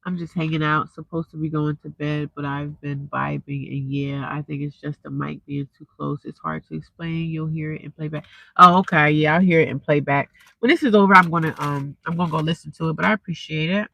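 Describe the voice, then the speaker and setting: On a live stream, a stuffed-up young woman chats and rambles directly to viewers through a cheap earphone mic, and the recording is rough. Her voice sits low and is creaky yet fairly bright, steady in tone and a little fast.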